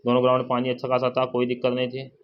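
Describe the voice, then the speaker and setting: Over dull lo-fi audio with birds and faint background noise, a man who runs an exam-update YouTube channel talks very fast in a monotone, mid-range voice. He keeps it casual, repeats himself, and calls his viewers brother.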